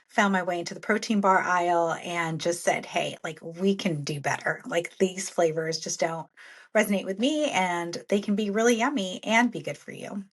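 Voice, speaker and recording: Woman, middle-aged, slightly low pitch, upbeat fluent interview guest, casual chat. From United States, born in Sudan. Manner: upbeat and fluent, many "you know" fillers. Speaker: food company founder, podcast guest.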